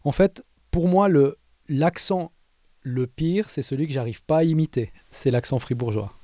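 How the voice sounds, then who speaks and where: A man with a Swiss French accent, chatting in a relaxed, amused way in an interview. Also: on the high side, normal speed, no echo, studio quality. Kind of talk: casual chat.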